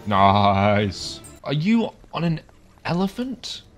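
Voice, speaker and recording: Man, medium pitch, lively swings, mock-dramatic, joking gameplay commentary, faint music behind. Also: slow. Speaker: gaming host. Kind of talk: playful improvised gameplay commentary.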